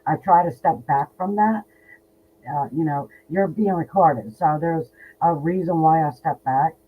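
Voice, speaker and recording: Speaking a little slowly in a deep voice, a woman in her fifties gives blunt, outspoken answers as a psychic medium in a casual interview. Repeated words crop up often, and the audio is a tinny phone line with a faint hiss.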